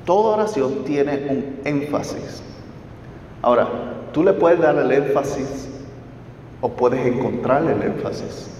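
A man's voice: mid-range voice, lively intonation, takes it slowly, pauses often, darkish tone, a little hiss or hum. A man teaching a Bible study class, explaining step by step and checking in with his listeners through questions. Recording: roomy hall, distant mic, dull.

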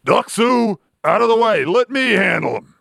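A man voicing the Thing, a gruff, cocky monster hero with gravelly tough-guy slang, in an amateur comic-book radio play. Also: sits high, sing-song, moderate pace, a bit bright, dry recording, studio quality, exaggerated voice. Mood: brash, urgent.

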